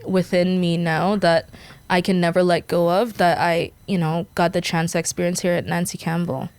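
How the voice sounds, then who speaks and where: Her voice sits on the low side: fairly even in intonation, normal in speed, a little mellow, clear and resonant, with no echo. She is a young woman from Guyana, a chatty podcast guest in a casual interview who laughs often and uses many fillers.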